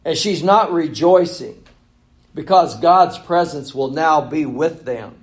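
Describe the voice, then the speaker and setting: A male pastor preaching a sermon, switching between loud emphatic reading and quiet, intimate asides. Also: fairly high pitch, expressive, slow pace.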